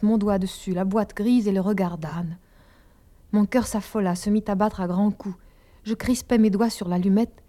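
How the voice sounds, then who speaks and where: A woman narrating a novel in the first person, slow and hushed, often dropping into a whisper. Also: medium pitch. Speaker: audiobook narrator.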